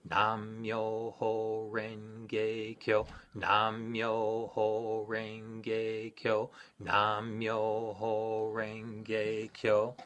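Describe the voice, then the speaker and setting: A man giving sincere, measured spiritual guidance in a scripted instructional talk, with occasional fillers. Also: mid-range voice, a bit bright. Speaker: Buddhist practitioner giving guidance.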